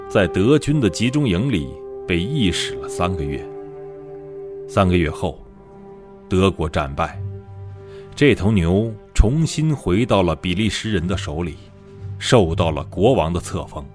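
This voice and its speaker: A man narrating a dramatic story in an expressive way, building up in the tense moments. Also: deep voice.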